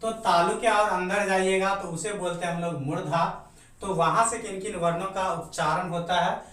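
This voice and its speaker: A man's voice: high-pitched, fairly even intonation, moderate pace, fairly bright tone. A man teaching a grammar lesson, explaining step by step and answering his own questions. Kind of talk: grammar lecture. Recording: very echoey room, mic far off.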